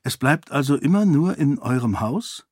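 A man's voice: mid-range voice, expressive, normal speed, darkish tone, no echo, studio quality, close to an everyday voice. A man doing a spirited young princess. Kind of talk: audiobook character voice.

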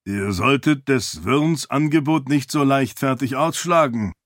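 A grim, proud high priest who speaks in a gloomy, ominous tone, as the narrator gives him voice. The voice is the reader's own, only darker in mood. It is recorded close and dry. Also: male voice, a little slow, fairly bright tone, no echo, natural voice.

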